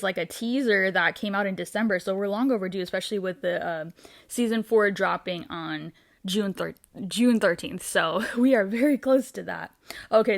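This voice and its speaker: A woman's voice: mid-range voice, no echo, clean studio sound. Bubbly young woman gushing about a show. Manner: bubbly and gushing, many fillers like "um" and "like". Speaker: host of a weekly entertainment news show. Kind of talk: casual fan commentary.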